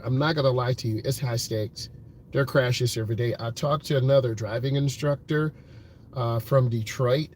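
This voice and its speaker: A driving instructor talks to the camera from inside a car in an earnest, motivational way, using many fillers and repeating his points. His voice is medium-pitched and darkish, with a little hiss or hum in the recording.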